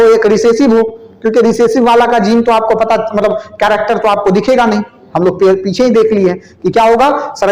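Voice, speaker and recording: High-pitched guy teaching a class, drags out words while writing on the board, echoey classroom. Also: darkish tone. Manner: repeats terms slowly while writing, asks questions to the class. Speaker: biology teacher. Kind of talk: classroom lecture.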